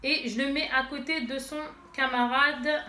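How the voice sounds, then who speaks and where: Her voice sits high and sounds bright and forceful, with fairly even intonation and an unhurried pace. She's a beauty vlogger with allergy congestion, chatting straight to viewers with many fillers during a casual haul and swatch demo, recorded in an echoey room with faint noise.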